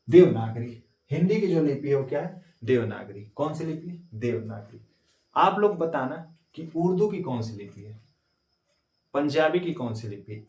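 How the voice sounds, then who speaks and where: A male teacher giving a classroom lecture. He repeats key words, quizzes his students, and drops low and soft to answer his own questions. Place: classroom with a board. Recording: echoey classroom, voice from a distance.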